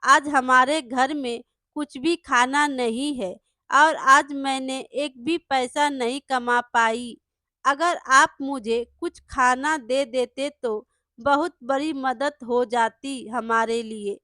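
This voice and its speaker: A caring, reassuring elder sister from a storybook, voiced by a woman. Her high voice moves slowly. The sound is dry and close. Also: fairly even intonation, bright, forceful tone, no echo, heavily acted. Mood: pleading.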